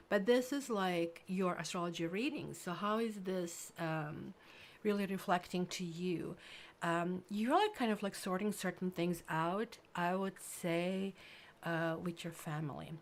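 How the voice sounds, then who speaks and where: A woman's voice: fairly low pitch, a little slow. A woman, giving a rambling, chatty tarot reading to camera, full of fillers. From Croatia. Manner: chatty, rambling, full of "like" and "kind of", lively bursts. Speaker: tarot reader.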